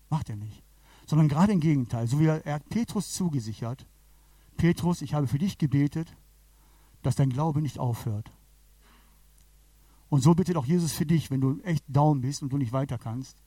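A man's voice: on the high side, dry recording. A man preaching a sermon in a colloquial way, acting out the Bible characters as he tells the story. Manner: animated, colloquial, acts out the Bible figures.

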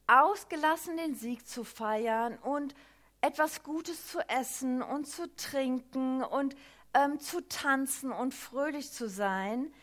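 A woman preaching a sermon, retelling a Bible story in a lively, emphatic way with many small fillers. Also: sits high.

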